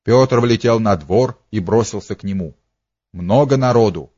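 A man's voice: lowish voice, normal speed, darkish tone, husky, dry recording, highs cut off. A man narrating a historical novel as an audiobook, telling it steadily with a slight dramatic lift.

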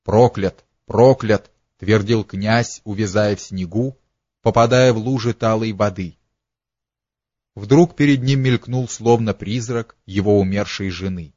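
A man reading a literary story aloud as narrator, in a slow, dramatic storytelling manner. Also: fairly low pitch, a little mellow, no echo, highs cut off.

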